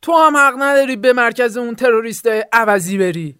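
A woman's voice: on the high side, expressive, clear, resonant tone, no room sound, clean studio sound. A woman voicing an angry young man who bullies his sister, harsh and commanding, heard from off-mic in a narrated radio drama. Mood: furious. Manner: harsh, shouting orders.

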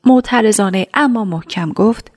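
Woman narrating a story in a hushed tone. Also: mid-range voice.

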